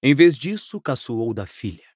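A man narrating an audiobook with expressive, dramatic storytelling. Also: mid-range voice, moderate pace, slightly rough, no room sound, studio quality.

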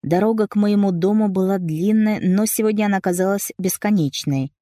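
A woman's voice: medium pitch, fairly quick, dark tone, no echo, studio quality. A woman narrating a first-person audiobook story with dramatic, emotional delivery.

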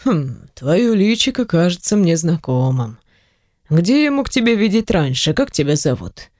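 A reader voicing a stern, quick-tempered wealthy father who speaks slowly and low. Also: sing-song, a little mellow, dry recording, studio quality. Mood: measured. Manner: slow, low, weighty delivery.

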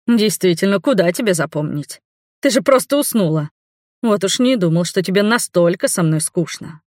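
A woman's voice: mid-range voice, lively intonation, moderate pace, darkish tone, no room sound, clean studio sound, lightly acted. A woman reading the part of an irritated, sarcastic young fiancé in an audiobook. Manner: mocking, sarcastic. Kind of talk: audiobook character voice.

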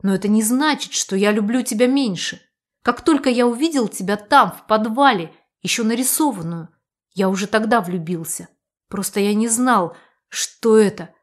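A woman's voice: mid-range voice, moderate pace, natural voice. A woman voicing a passionate, protective young man in love, speaking earnestly in an audiobook. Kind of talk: audiobook character reading.

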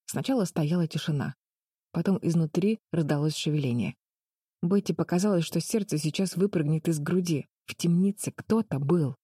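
A woman reading a children's adventure audiobook in a calm, measured way. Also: deep voice, slightly rough, no echo, clean studio sound. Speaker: narrator. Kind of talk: scripted audiobook narration.

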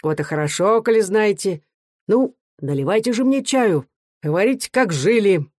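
Hearty young revolutionary in an audiobook, read by the narrator, lively and warm, dry sound. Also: mid-range voice, normal speed, no room sound, natural voice. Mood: gentle.

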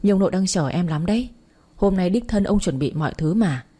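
A woman voicing a calm young man who gently reassures his girlfriend. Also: lowish voice, fairly quick, breathy edge. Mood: coaxing.

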